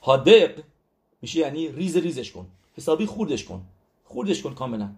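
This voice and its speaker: A man's voice: on the high side, big pitch swings, creaky, warm tone. A man giving a religious lesson, speaking emphatically, repeating key words and checking in with his listeners. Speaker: religious teacher. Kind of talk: religious lesson on letter numerology.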